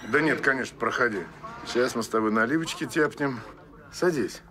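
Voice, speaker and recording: A man's voice: mid-range voice, a little fast, background noise, lightly acted. A middle-aged man playing an avuncular, jovial boss in a naturalistic screen drama. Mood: low, confiding.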